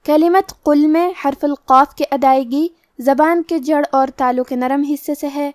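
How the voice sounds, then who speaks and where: A woman with a Pakistani Urdu accent teaching a tajweed lesson, explaining each sound slowly and deliberately. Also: high-pitched, fairly even intonation, darkish tone, no room sound, studio quality. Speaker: Quran recitation teacher.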